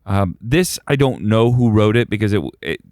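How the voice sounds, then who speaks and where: A man's voice: lowish voice, lively intonation, moderate pace, darkish tone, no room sound, clean studio sound. A man co-hosting a podcast, reading out sketch summaries and chatting casually about them. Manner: reads sketch summaries, then chats loosely. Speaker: podcast co-host. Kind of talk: casual chat recapping sketches.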